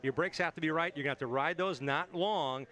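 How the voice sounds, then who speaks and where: Male race broadcaster at a racetrack, rapid-fire, sharp tone, enthusiastic and conversational. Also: a little high. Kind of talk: conversational sports commentary.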